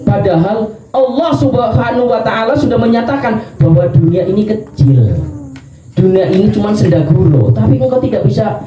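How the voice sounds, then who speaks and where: A man's voice: sits high, lively intonation, normal speed, warm tone, a little hiss or hum. A male preacher voicing the wise companion Ali, patiently questioning and answering with reverence. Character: wise elder companion Ali, calm teacher. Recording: roomy, dull lo-fi recording.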